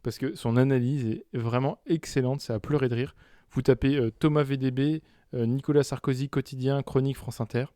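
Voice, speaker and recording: Joking young man with a mellow voice. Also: medium pitch, steady tone, a little fast, no room sound, studio quality. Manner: joking, teasing, asks playful questions. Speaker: podcast co-host. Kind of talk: casual chat.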